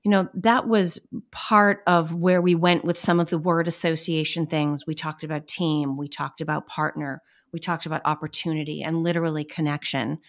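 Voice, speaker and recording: A woman with a Boston accent hosting a podcast, chatting in quick, lively bursts with her guests. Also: low voice. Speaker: podcast host. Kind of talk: casual interview chat.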